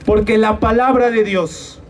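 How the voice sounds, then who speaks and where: A man's voice: high voice, fairly even intonation, unhurried, far from the mic, a little hiss or hum. A man preaching an evangelistic sermon in a church, posing rhetorical questions and calling his listeners brothers and sisters.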